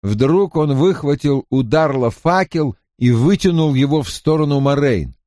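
A man narrating a fantasy novel as an audiobook in an expressive storytelling manner. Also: fairly high pitch, a little slow, dry recording, studio quality.

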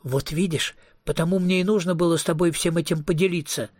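A husky-voiced man voicing an eager, bossy young female vampire in an audiobook reading. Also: fairly high pitch, fairly even intonation, fairly quick, darkish tone, no room sound, clean studio sound, natural voice. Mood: scolding. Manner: coaxing, teasing.

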